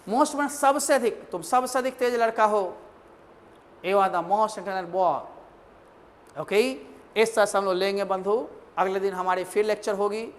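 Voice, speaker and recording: A man's voice: high-pitched, a little hiss or hum. A man teaching English grammar, explaining step by step and teasing his students as he repeats examples. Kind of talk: Hindi-language grammar lecture. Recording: long reverb, echoey room.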